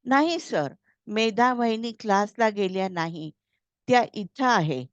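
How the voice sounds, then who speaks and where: A woman voicing an excited young man who works in an office, in a slow, eager storytelling read, on a slightly dull, dry recording. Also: medium pitch, dry recording, lightly acted.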